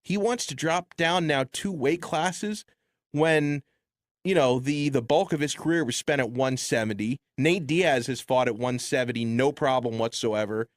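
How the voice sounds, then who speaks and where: Man, radio host, mid pitch, dry booth sound, animated sports chat. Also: measured pace, no echo.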